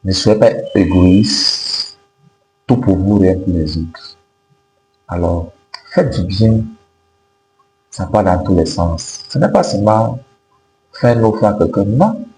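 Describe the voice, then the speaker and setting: Guy with in giving life advice, slow and mellow, echoey room w faint hum. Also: sits low, expressive. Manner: emphatic, repetitive, didactic. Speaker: self-help video host. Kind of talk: motivational advice to camera. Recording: roomy echo with faint noise and hum.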